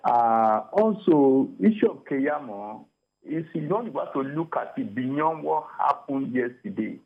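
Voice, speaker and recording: Over a tinny phone line, a Nigerian man calls into a talk radio show. His gravelly, medium-pitched voice is animated yet unhurried, and he speaks emphatically, often repeating and restarting phrases.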